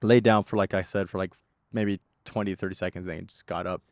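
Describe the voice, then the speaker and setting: A man being interviewed as an eyewitness, speaking in casual slang with halting, repeated and restarted phrases. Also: deep voice, fairly even intonation, no echo, clean studio sound.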